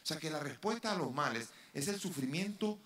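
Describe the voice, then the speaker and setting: A man's voice: on the high side, expressive, fairly quick, fairly bright tone. A man, a bishop, preaching a retreat talk in a parish church, earnest, with rhetorical questions and rising emphasis. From Dominican Republic. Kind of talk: sermon. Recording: echoey church hall.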